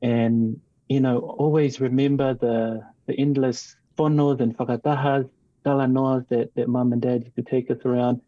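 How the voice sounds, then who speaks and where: A male interview guest, New Zealand-born and raised partly in Tonga, talks casually in a thoughtful, measured way, often saying um and starting over. He has a medium, level voice, heard through dry, phone-quality audio.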